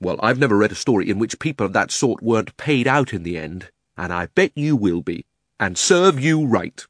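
A man reads as a plucky schoolboy in a children's story. He is indignant and blunt, accusing fiercely in a highly animated voice. The recording is close and dry. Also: moderate pace, no room sound. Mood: resolute, bitter. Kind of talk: dramatised storybook reading.

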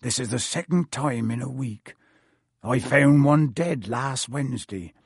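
A man voicing a big gruff gamekeeper who talks bluntly with country words. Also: mid-range voice, unhurried, no echo, studio quality. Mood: instructing.

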